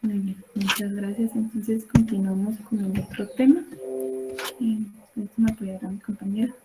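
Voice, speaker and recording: A woman's voice: medium pitch, fairly even intonation, normal speed, music in the background, low-quality recording. A woman, a student interviewer, asking questions politely and in an orderly way.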